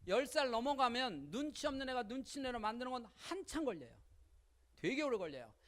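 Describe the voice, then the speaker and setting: A woman giving a lively seminar lecture on parenting, speaking colloquially, often asking the audience questions and acting out little quotes. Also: on the high side, fairly quick. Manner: colloquial, with frequent rhetorical questions and acted-out quotes.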